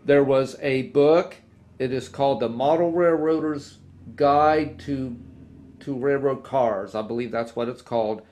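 A man's voice: mid-range voice, unhurried, darkish tone, a little hiss or hum. A man hosting a casual hobby tutorial about model railroad cars from his workbench, talking unhurriedly with frequent restarts and fillers. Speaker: model railroad video host. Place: indoor workbench with model trains.

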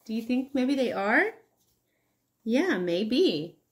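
Slow, lilting woman teaching young children. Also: a little high, sing-song. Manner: encouraging, sing-song, pausing for answers. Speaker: early-years teacher hosting an online circle time. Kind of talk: child-directed counting lesson with questions to viewers.

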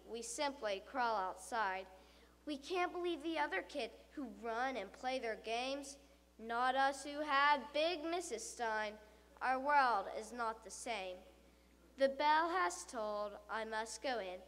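A woman with a fairly high pitch and slow pace recites a theatrical rhyming tall tale as a dramatic, terrified school pupil. Her storytelling is expressive and carries a panicked sense of doom, with the reverberant sound of a hall.

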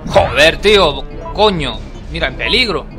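A man giving let's play commentary on a game he is playing. He is excitable, swearing and yelping whenever the game attacks him. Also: a little high, measured pace. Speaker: gameplay commentator. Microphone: home voice recording over game capture. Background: game music.

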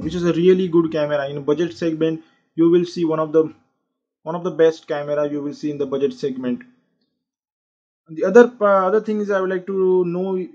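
In a lo-fi, dull-sounding tutorial walkthrough, the host of a tech channel explains how to use a phone. His voice is fairly high with a darkish tone, and his relaxed delivery is full of fillers.

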